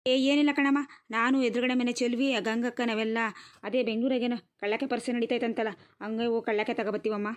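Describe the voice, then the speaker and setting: A grumbling middle-aged village mother-in-law, voiced by a woman in a comic cartoon, sighing and complaining. Her voice sits a little high and she talks at a quick clip. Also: steady tone, natural voice. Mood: huffy. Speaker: cartoon voice actor.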